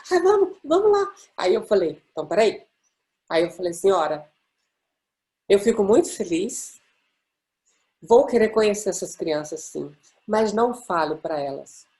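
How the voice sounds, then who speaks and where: A middle-aged woman from Brazil giving a personal testimony, telling her story in an animated way and acting out the quoted dialogue. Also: mid-range voice. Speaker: guest speaker.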